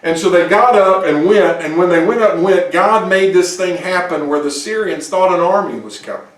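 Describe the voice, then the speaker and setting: A man preaching in a church, retelling a story in a folksy, chuckling way. His voice sits a little high for a man. He is picked up from a distance, so the room's echo hangs around every word. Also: normal speed. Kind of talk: sermon storytelling. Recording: echoey room, distant mic.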